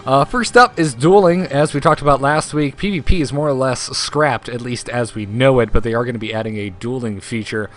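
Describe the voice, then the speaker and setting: A man's voice: medium pitch, brisk, hardly any pauses, fairly bright tone. Jokey man hosting a gaming news show. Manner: jokey, laughs often, reads quotes aloud. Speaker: host. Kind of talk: casual podcast chat reading news.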